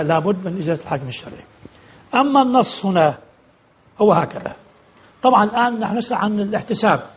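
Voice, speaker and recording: A man lectures on religious law, talking quickly in a high, very husky voice. He works through repeated examples and poses rhetorical questions to his students. The recording is dull and lo-fi. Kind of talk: jurisprudence lecture answering students.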